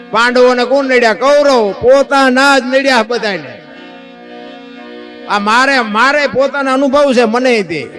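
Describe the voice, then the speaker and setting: A man's voice: sits high, fairly bright tone. A man with a Kathiyawadi Gujarati accent giving a folk devotional storytelling talk on stage. He asks many rhetorical questions and calls his listeners "bapu".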